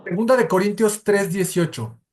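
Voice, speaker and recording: A man with a Mexican Spanish accent teaches a church Bible study class. His voice sits high, and he explains things methodically, step by step, often pausing to correct himself. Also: a little mellow.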